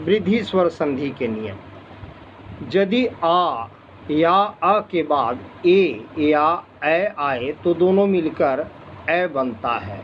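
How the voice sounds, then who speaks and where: A man teaching grammar. He talks deliberately and repeats each rule with worked examples. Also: on the high side. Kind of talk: slow classroom explanation. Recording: dull lo-fi recording with faint background noise.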